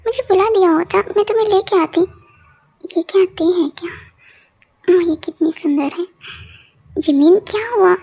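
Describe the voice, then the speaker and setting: A woman's voice: very high-pitched, a little slow, gravelly, long pauses, exaggerated voice. A woman voicing a young household helper who fusses over her mistress. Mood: fussing. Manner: fussing, excitable.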